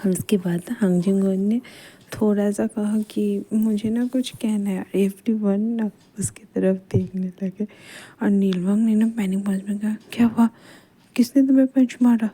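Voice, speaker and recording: Woman casually retelling a fanfic story, husky, real mellow, kinda half whispering. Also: medium pitch, steady tone, measured pace. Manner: soft, half-whispered delivery with chatty fillers. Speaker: storyteller explaining a fan fiction.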